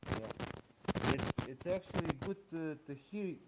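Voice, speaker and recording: A man chatting casually over an online voice call that keeps cutting in and out. He talks haltingly and repeats words as he searches for them. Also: on the high side, animated. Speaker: friend joining by voice chat. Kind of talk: casual chat. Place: at home on a personal computer. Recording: noisy, clicking, choppy voice call.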